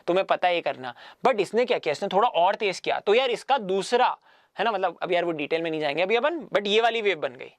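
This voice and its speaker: A man's voice: high-pitched, fairly bright tone, no echo, clean studio sound. A man giving an online physics lecture in a chatty way, mixing English phrases into his talk, repeating himself and often checking that students follow. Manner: chatty, mixes English phrases into Hindi, calls students "yaar". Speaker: physics teacher. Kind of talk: online exam-prep lecture.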